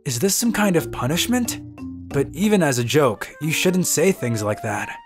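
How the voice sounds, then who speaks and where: Over music, a man with a fairly high, very animated voice speaks at a moderate pace, dubbing a manga story in first person. He plays a weary, cynical young office worker who grumbles and narrates his own tale in a dry, exasperated way.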